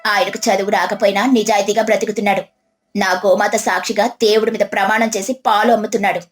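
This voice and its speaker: A woman's voice: on the high side, fairly even intonation, moderate pace, soft background music, close to an everyday voice. A woman voicing a clever young farmer's wife who speaks politely but firmly. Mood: stern. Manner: polite but firm, turning stern.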